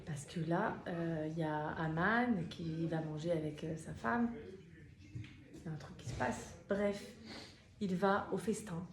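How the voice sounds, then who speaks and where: A woman telling a religious story to a group of women in a lively, chatty way, addressing her listeners directly. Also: fairly low pitch, measured pace, crowd noise. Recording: roomy echo, faint noise.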